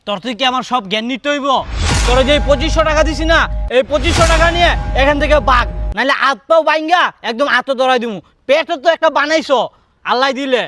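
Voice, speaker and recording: In a short-film drama, a man plays a greedy office manager, sneering with threatening scorn. His voice is high, bright, and quick, and the recording is dry and close with no echo.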